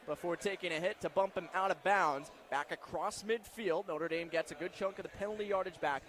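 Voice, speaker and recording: At the stadium broadcast position, a man calls American football play-by-play for radio in a high, somewhat bright voice at a fairly quick clip. His narration comes in terse present-tense phrases, and faint stadium noise is audible.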